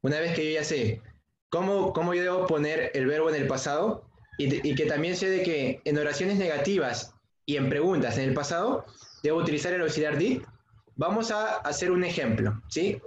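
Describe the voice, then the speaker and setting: Teaching English grammar in an online class, this male secondary school teacher speaks at normal speed in a voice on the high side. Key points get patient repetition, and he questions students by name. The audio sounds dull and echoey, like a room.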